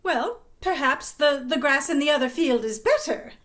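A woman's voice: high-pitched, lively intonation, normal speed, fairly bright tone, pitched above the performer's own voice. A woman voicing a weak, ineffectual Edwardian aunt who stammers and hesitates with the children. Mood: flustered.

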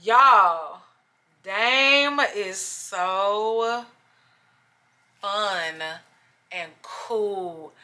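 A young adult woman travel vlogger chats casually and gushingly to the camera, calling her viewers y'all. Her mid-range voice sounds pushed and bright.

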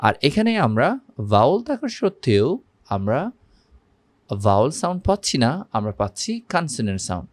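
A man's voice: mid-range voice, big pitch swings, brisk, long pauses, dry recording. A man teaching English grammar with a Bengali accent, repeating examples and checking in with the viewer. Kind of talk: grammar lesson for Bengali speakers.

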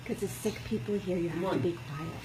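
A woman at a hospital bedside, talking in a hushed, amused way and shushing someone. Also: on the low side, brisk. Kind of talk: casual home video. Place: hospital room. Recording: heavy background noise and clicks.

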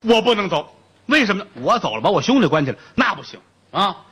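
A man's voice: sits high, very animated, fast talker, fairly bright tone, slightly rough, full character voice. A man voicing a troubled, earnest middle-aged male outlaw in a spoken storytelling piece.

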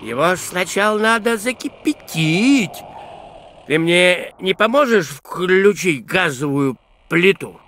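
A jovial geologist in a cartoon adventure game. His delivery is theatrical and unhurried, with a high, bright voice that swings widely. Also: expressive, slight background noise, full character voice. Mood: friendly. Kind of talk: animated adventure game acting.

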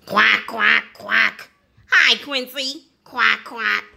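A woman doing a loud quacking cartoon duck. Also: fairly high pitch, very slow, creaky, exaggerated voice. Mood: loud cheerful. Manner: quacking, shouting. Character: loud chatty female duck.

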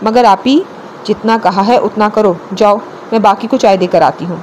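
A woman narrator voicing a brisk, caring sister-in-law giving instructions in an audiobook story. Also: mid-range voice, darkish tone, slight background noise, natural voice, poor audio. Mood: firm.

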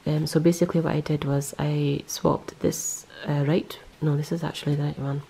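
Over indoor close-ups of hands and yarn, a knitting vlogger gives a casual show-and-tell, rambling, correcting herself, and saying "um" frequently. Her low-pitched, dark voice has vocal fry and a flat delivery at normal speed, with a little hiss or hum in the audio.

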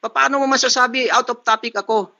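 A man's voice: very high voice, steady tone, fast talker, vocal fry, sharp tone. A man debating religion in an online call, insisting on his question and raising objections. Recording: dull lo-fi call audio.

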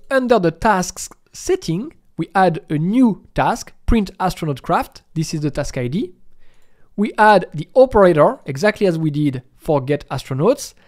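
Guiding listeners through software step by step, this high-pitched male speaker keeps an instructional tone. His intonation rises and dips frequently as he explains.

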